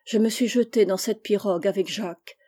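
An urgent, stern army captain, read by a woman in an audiobook, pressing and pleading. The tone stays mellow and dark. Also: medium pitch, fairly quick, natural voice.

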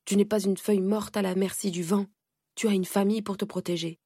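A woman's voice: mid-range voice, steady tone, a little fast, mellow, breathy edge, dry recording, studio quality, lightly acted. A woman voicing a harsh aunt who scolds her niece sternly and with contempt.

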